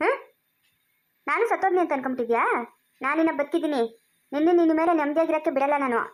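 Son role: woman voicing an accusing young village man, very high-pitched, home-made drama. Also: fast talker, natural voice.

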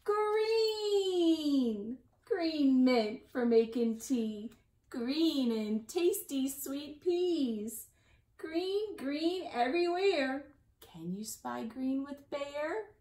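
This library storytime reader, a woman in her forties, has a high, expressive and warm voice as she reads a picture book to small children. Her delivery is very slow and sing-song, with stretched, emphasized key words, and the recording has an echoey home-room sound and a slightly distant mic.

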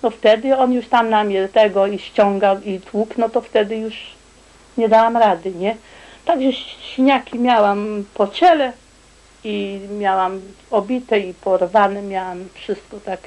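A woman's voice: medium pitch, steady tone, darkish tone, low-quality recording. Rambling older woman recounting events. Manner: repetitive, halting, with tag questions. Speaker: crime witness. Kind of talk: rambling recollection in an interview.

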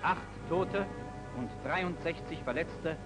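A man's voice: on the high side, takes it slowly, poor audio. A man narrating a 1939 newsreel in a solemn, declamatory manner. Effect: old newsreel narration. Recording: old newsreel soundtrack over loud music.

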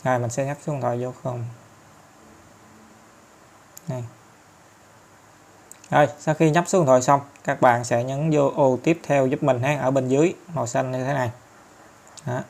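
A man's voice: mid-range voice, fairly even intonation, moderate pace, long pauses, darkish tone. Chatty Southern Vietnamese man guiding an app setup. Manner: chatty, step-by-step, many fillers and tag particles. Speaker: tutorial host. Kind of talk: screen-recorded app tutorial.

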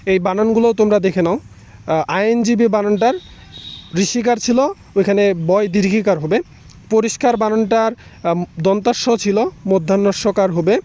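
A young man tutoring students, briskly walking through exam answers one by one. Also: high voice, mellow. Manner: brisk, lists answers in quick runs.

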